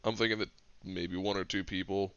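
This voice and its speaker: A man's voice: low voice, brisk, creaky, clear, resonant tone. Man as a laid-back guarded adventurer. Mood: practical. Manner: relaxed, matter-of-fact. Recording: slightly dull lo-fi mic.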